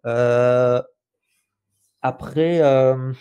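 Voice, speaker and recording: A man's voice: medium pitch, very slow, smooth. A man with a French accent chatting casually about films on a podcast, full of hesitations and restarts. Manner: animated, many hesitations and restarts. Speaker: podcast host.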